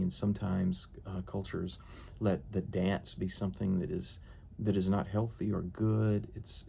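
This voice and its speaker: Gravelly low-voiced man teaching devotionally. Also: a little mellow.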